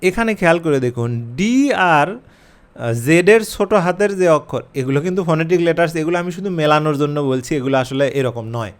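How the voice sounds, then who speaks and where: A man teaching English pronunciation, explaining rules with questions and slowing down to spell out letters. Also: fairly high pitch, clean tone. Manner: lively, questioning, drawing out letters slowly to spell. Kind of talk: explaining a lesson to camera.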